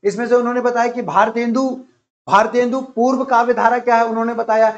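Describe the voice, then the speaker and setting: This online exam-prep lecture comes from a fast-talking male teacher with a high-pitched voice and a flat delivery. He explains the syllabus by listing each topic and repeating himself, and the audio is dull and lo-fi.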